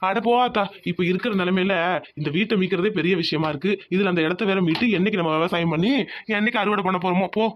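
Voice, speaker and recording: Man voicing a cartoon farmer, grumbling, weary, frustrated, high, quick. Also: highs cut off, lightly acted. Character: frustrated middle-aged male farmer, grumbling.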